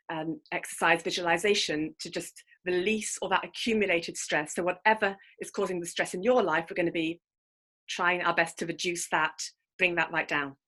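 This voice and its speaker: A woman hosting a guided relaxation session, talking informally in a gentle, unhurried, soothing manner. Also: lowish voice. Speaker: host of guided colour visualisation sessions.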